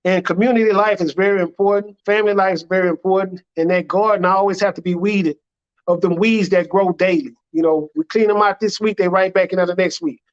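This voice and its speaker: A dull, lo-fi recording carries a sermon from an American man speaking as an imam. His voice sits high, his intonation is fairly even, and he moves a little fast, speaking earnestly and plainly with lots of repeated phrases.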